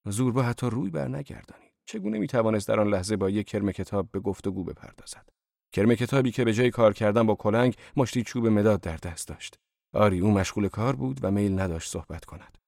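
A man narrating a novel as an audiobook in a steady, measured storytelling manner. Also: on the low side, vocal fry, no echo, clean studio sound. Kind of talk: scripted literary narration.

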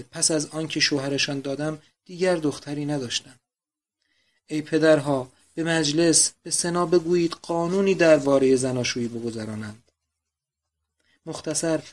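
A man's voice: fairly high pitch, steady tone, natural voice. A man voicing a dying old father who pleads feverishly for his daughters. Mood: bitter.

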